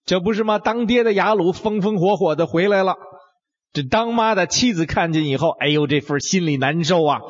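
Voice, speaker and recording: Male storyteller, husky and high-pitched, animated delivery, lo-fi sound. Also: fairly quick. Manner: animated, swings between whispers and exclamations. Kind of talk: dramatic Bible storytelling. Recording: dull lo-fi recording.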